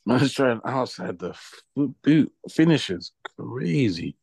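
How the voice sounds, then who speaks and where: A man's voice: medium pitch, big pitch swings, slow, vocal fry, a little mellow, husky, no room sound, studio quality. A young man with a London roadman accent chatting casually about football in slangy, sweary banter. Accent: London, urban roadman slang. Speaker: football podcast co-host.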